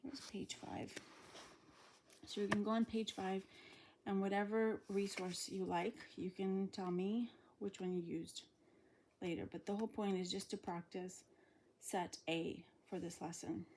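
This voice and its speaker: A woman's voice: medium pitch, steady tone, measured pace, a little mellow. Woman, homeschool teacher, reading math lesson aloud, casual, patient, faint background hiss. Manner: casual, explains steps patiently, trails off mid-sentence. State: out of breath.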